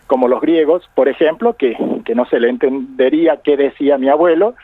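A man's voice: mid-range voice, a little fast, dry recording. A man with an Argentine accent, a university professor speaking as a radio guest, reflective and laughing often. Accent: Argentine Spanish. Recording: phone line on radio.

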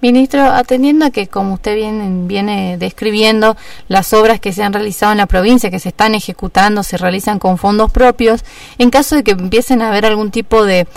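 Woman reporter, gravelly voice, formal questioning, a bit distant from the mic. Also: medium pitch, a little fast, dry recording. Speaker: journalist. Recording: dry, heard from off the mic.

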